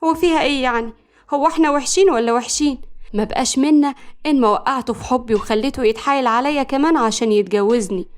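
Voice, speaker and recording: A giddy young woman with an Egyptian accent, put on by a woman narrator. She gushes and boasts in a high, fast voice. A gossiping storybook fan. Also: lightly acted.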